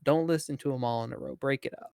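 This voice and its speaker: A man's voice: medium pitch, fast talker, creaky, a little mellow, dry recording, studio quality. A man co-hosting a casual podcast, rambling with lots of "like" and offhand swearing. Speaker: podcast co-host. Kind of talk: casual chat.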